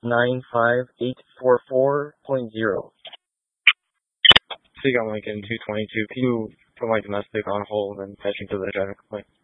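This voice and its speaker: A man's voice: on the low side, level tone, moderate pace. A man, a police officer, checking in with terse radio codes over a police radio. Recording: narrow-band dry radio transmission.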